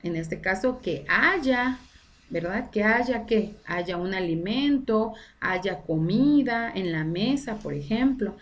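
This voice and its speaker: A woman's voice: mid-range voice, animated, takes it slowly, few pauses. A woman teacher giving a recorded online class, explaining step by step and often checking in with her students. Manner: explanatory, frequent tag questions to students.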